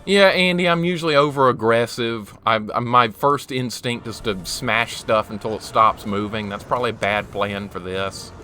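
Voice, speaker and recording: A man in his forties streams a game, chatting casually with viewers and reacting as he plays. His mid-range voice sounds pushed and bright, moving at a moderate pace with few pauses. There is slight background noise.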